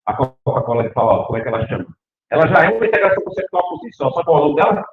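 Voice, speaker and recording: A middle-aged man from Northeast Brazil, a university professor, talks rapid-fire in a slightly high voice with a Northeastern Brazilian Portuguese accent. He gives a lively lecture, animatedly putting questions to the audience. The hall is echoey and the sound tinny, like a phone.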